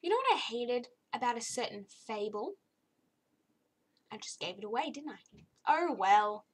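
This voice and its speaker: Reviewing a video game in a relaxed, conversational way, this young woman speaks unhurriedly, her fairly high voice swinging widely in pitch and sounding a little croaky today. Exasperation comes easily, and she keeps saying um and starting over.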